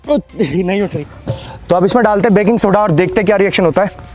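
A man's voice: sits high, fast, a little mellow, faint music behind. A young man hosting an experiment video in an open field, casually explaining and calling out instructions to a helper. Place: open grassy field outdoors.

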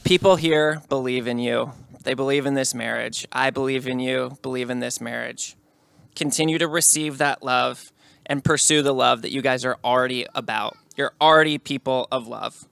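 Gravelly earnest man officiating. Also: mid-range voice, fairly even intonation, normal speed, fairly bright tone, dry recording. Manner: earnest, encouraging. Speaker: wedding officiant. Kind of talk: ceremony address.

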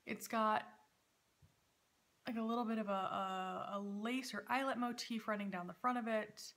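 A woman's voice: medium pitch, steady tone, moderate pace, a bit bright. A woman in her thirties hosting a casual, chatty vlog from a room at home, talking in a hesitant way. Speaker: knitting podcast host. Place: dining room at home, indoors.

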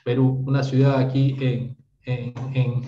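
The speaker, a Peruvian man in his thirties, is a doctor leading an online workshop and responding to questions. His medium-pitched, dark voice is flat and unhurried, explaining step by step in Peruvian Spanish with frequent "¿está bien?" checks. Captured over a video call, the sound is distant, dull, and roomy, with a little hiss or hum.

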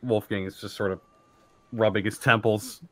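A man's voice: lowish voice, steady tone, normal speed. A man playing a tabletop game, mixing casual roleplay with narration of his character.

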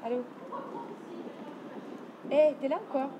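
A woman's voice: sits high, takes it slowly, muffled recording, noisy background. An actress playing a panicked woman of about thirty who swears constantly and repeats herself in frantic bursts. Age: around 30. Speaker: woman quarrelling by phone with her best friend. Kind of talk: film acting. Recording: film soundtrack with music underneath.

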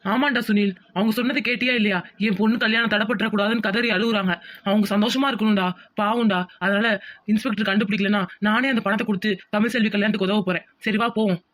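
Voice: mid-range voice, steady tone, fast talker, a bit bright, close to an everyday voice. A performer voicing a kind young village man who reassures a worried mother in a cartoon. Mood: reassuring. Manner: reassuring, soothing. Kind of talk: cartoon voice acting.

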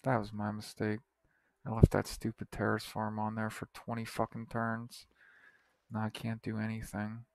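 A man's voice: lowish voice, monotone, normal speed, creaky, a little mellow, no room sound. A man giving casual commentary while playing a strategy game, muttering to himself and swearing in frustration. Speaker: gaming video creator.

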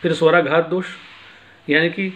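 A man's voice: on the high side, fairly even intonation, moderate pace, fairly bright tone. A man teaching philosophy in a patient lecture, explaining each point with everyday examples.

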